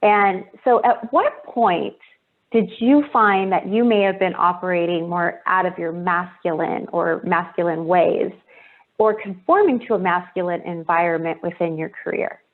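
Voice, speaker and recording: A woman's voice: on the low side, a little slow. Woman, interview host, effusive, complimentary, video call, narrow phone-like sound. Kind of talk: online interview.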